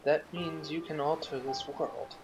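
A man voicing a frail elderly man in a video game playthrough, speaking quietly and slowly. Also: a little high, steady tone, lightly acted, poor audio. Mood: hushed, wistful. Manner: quiet, slow, hushed.

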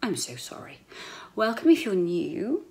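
Filming herself on a handheld camera at arm's length in a small, echoey bedroom, a middle-aged British woman chats casually to camera. Her mellow, medium-pitched voice swings hugely in pitch at a measured pace as she rambles playfully and swears a bit.

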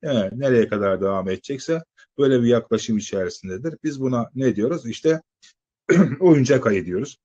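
A man lecturing exam candidates in a slightly husky voice. He talks in a loose, conversational way, firing rhetorical questions at the class and stretching out filler sounds while he thinks. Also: medium pitch, animated, a little fast, dark tone, dull audio. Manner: asks students rhetorical questions, many "e" fillers. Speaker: exam-prep teacher. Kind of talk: live lecture to students.

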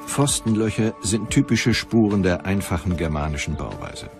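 Over a clear music bed, a man with a very deep voice narrates a history documentary. He sounds serious and measured yet tells the events dramatically, with lively intonation.

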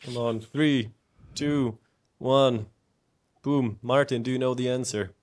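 A man's voice: medium pitch, steady tone, slow, a little mellow. A man hosting a casual studio quiz, upbeat and teasing. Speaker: quiz host.

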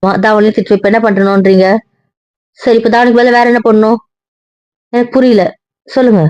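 A woman's voice: a little high, level tone, fairly quick, darkish tone, no room sound, lo-fi sound, natural voice. A woman playing a stern young wife who is fed up and scolding firmly. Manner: firm, scolding, clipped. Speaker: angry wife in audio drama. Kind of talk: Tamil audio drama acting.

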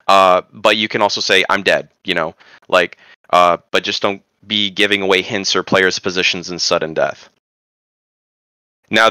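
A man's voice: on the low side, sharp tone, clear, resonant tone, dry recording. A man giving an informal pre-game briefing as a tournament organizer, emphatic and often checking that he is understood. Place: indoors, online group voice chat.

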